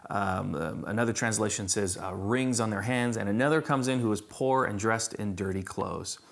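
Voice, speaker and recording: Gravelly man preaching a story-led sermon. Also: lowish voice, moderate pace. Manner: conversational storytelling, acts out quoted dialogue. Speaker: pastor. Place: church.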